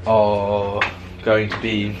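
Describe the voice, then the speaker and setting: A young British man vlogs casually on a handheld camera about working on his car, moving between the garage and driveway. His voice sits on the low side, the delivery is completely flat and extremely slow, and the handheld camera audio is noisy and lo-fi.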